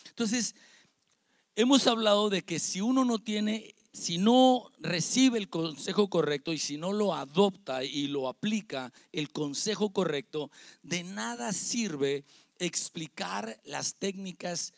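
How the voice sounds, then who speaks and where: A man's voice: high voice, takes it slowly, creaky, dry recording. A man with a Mexican Spanish accent, a pastor giving an evangelical sermon to his congregation, emphatic and repetitive, with rhetorical questions. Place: church service with congregation.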